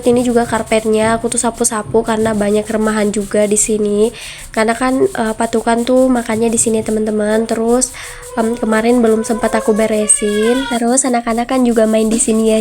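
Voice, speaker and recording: Congested from flu, this young woman speaks in a warm, slightly high voice with a nasal, stuffy quality. She narrates her homemaker vlog in a chatty, conversational way, treating viewers like friends.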